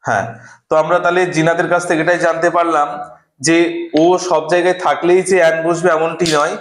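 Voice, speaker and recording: A man's voice: on the high side, level tone, quick pace, fairly bright tone, echoey room. A man teaching an English grammar lesson to a class, patiently asking students questions and then explaining the rule.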